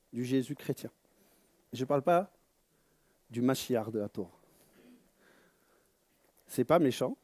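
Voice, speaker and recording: A man giving a slow religious teaching, searching for words, repeating them and stressing key words loudly. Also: medium pitch, no room sound. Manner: reads Hebrew phrases aloud.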